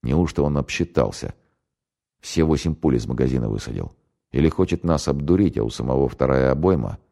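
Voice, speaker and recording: A man's voice: rumbling low, animated, a little fast, vocal fry, warm tone, exaggerated voice. A man voicing a sardonic commanding major. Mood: wry. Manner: barking orders, wry and scornful. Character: commanding, sardonic male senior security major.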